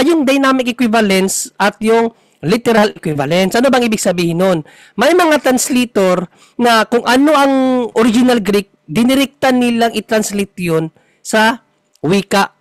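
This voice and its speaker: A man hosting a talk and explaining Bible verses patiently, slowing down to read passages. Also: high voice, no room sound, poor audio. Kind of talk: conversational Bible teaching.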